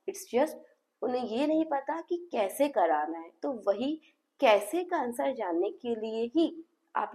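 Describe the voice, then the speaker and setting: A woman's voice: a little high, a little mellow. A woman speech therapist explaining therapy to parents, mixing phrases into her talk and acting out the dialogue of a session.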